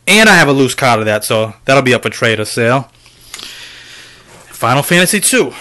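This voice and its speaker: A video game collector vlogs about a game haul, telling his viewers a rambling, profane story full of fillers and addressing them directly. His medium-pitched voice has big pitch swings, a moderate pace and a sharp tone. It's a casual ranting vlog.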